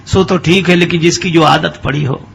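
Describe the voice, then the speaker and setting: A man's voice: fairly high pitch, fairly even intonation, moderate pace, creaky, fairly bright tone, slight background noise. A man voicing a playful young god who loves stealing and coaxes a friend along in a comic sermon story. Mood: teasing.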